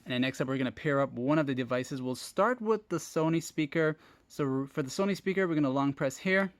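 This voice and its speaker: A man hosts a phone tech tutorial channel, casually walking viewers through the steps and speaking to them directly. His voice is fairly high and fairly quick, with no echo.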